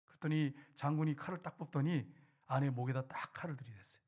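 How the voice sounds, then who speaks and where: A middle-aged male pastor preaching a sermon, asking the congregation questions and swinging between loud and hushed. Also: medium pitch, fast talker, husky. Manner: preaching with rhetorical questions and acted quotes, voice rising and dropping.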